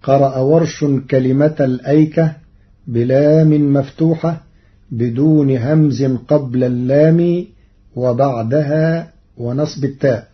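Egyptian-raised guy teaching recitation rules on the radio, super slow and measured, muffled old broadcast sound. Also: medium pitch, steady tone. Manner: measured, explains then chants short verse quotes. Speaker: Quran recitation scholar. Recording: dull lo-fi radio archive recording.

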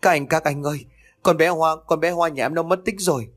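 A man's voice: medium pitch, lively intonation, normal speed, voice pushed up, lightly acted. Man voicing a sobbing, desperate village mother. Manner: sobbing, pleading, breaking voice.

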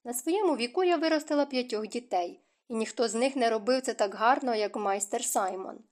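A woman's voice: a little high, lively intonation, brisk, darkish tone, lightly acted. A woman reading the lines of a devoted, stubborn nanny who fiercely defends the child in an audiobook. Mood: defiant. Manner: fervent, protective.

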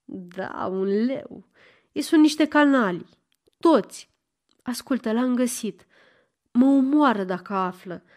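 A woman's voice: fairly high pitch, expressive, long pauses, darkish tone, lightly acted. A woman reading an audiobook and voicing a frightened, impulsive young woman who speaks urgently. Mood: fearful, urgent.

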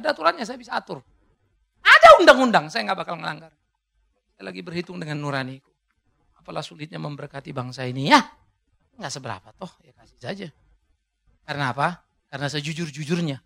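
Male pastor, high gravelly voice, bright and sharp, lively sermon delivery. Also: fast talker, pauses often. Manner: lively preaching with jokes and shouted climaxes.

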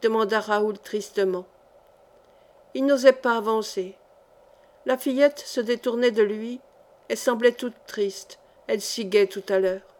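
A woman reads a classic historical novel aloud, calm and measured. Her voice sits somewhat high for a woman. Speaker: audiobook reader. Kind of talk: literary narration.

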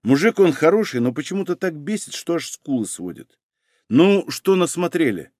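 A curt, commanding police investigator from an audiobook, read by a man. He barks orders plainly, with a lively rise and fall in his voice. The sound is close and dry. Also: a little high, normal speed, dry recording, voice pushed up. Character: gruff blunt male police investigator.

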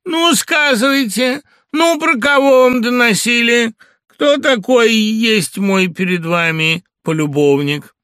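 A man reading aloud and voicing a defiant young merchant's wife, shrill and mocking. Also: slow pace, a bit bright, clear, resonant tone, dry recording, studio quality, exaggerated voice. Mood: defiant taunting.

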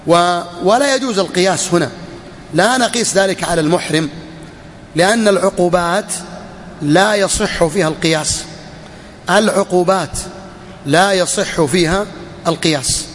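A man's voice: high-pitched, normal speed, long pauses, a bit bright, in a large hall, slight background noise. A man, a sheikh, teaching a hadith lesson in a classroom way, repeating each phrase and putting questions to his students.

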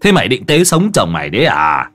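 A man voicing a gruff, irritable old uncle who scolds bluntly. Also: mid-range voice, sing-song, normal speed, fairly bright tone.

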